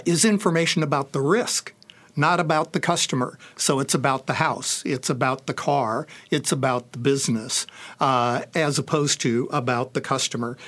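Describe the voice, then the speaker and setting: A man's voice: mid-range voice, fairly bright tone. A man speaking as a panelist in a discussion, hesitant, with many fillers and restarts. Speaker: panelist on insurance analytics.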